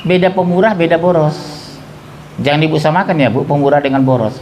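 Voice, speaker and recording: A man preaching a sermon to women in a gathering, joking and acting out quotes, shifting between high calls and soft pleading tones. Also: fairly quick, a little hiss or hum, rough recording.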